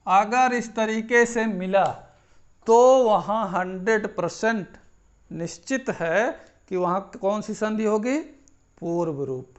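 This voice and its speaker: A man teaching grammar in a slow, patient way, often stopping to check in with his students. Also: high voice. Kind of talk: explaining grammar at a board.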